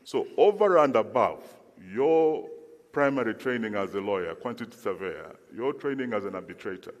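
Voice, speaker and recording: A middle-aged man from Zambia giving a measured conference speech, often restarting and repeating words. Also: lowish voice, lively intonation. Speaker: conference speaker, former lawyers' association president. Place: large conference hall. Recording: long hall reverb.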